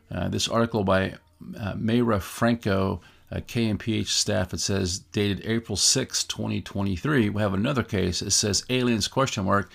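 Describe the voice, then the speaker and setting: A man's voice: fairly low pitch, vocal fry. A man hosting a show, giving casual, musing commentary and reading out articles in a conversational way. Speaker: host of a UFO news show.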